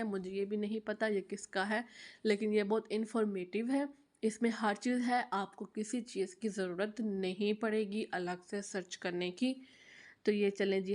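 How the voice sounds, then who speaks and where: A young woman with a mid-range, darkish voice gives a casual, chatty how-to talk about teaching online, full of fillers and repeated phrases.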